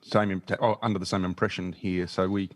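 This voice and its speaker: A man's voice: sits low, little pitch movement, a little fast. A man with an Australian accent co-hosting a podcast in casual conversation. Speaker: podcast co-host. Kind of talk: casual chat.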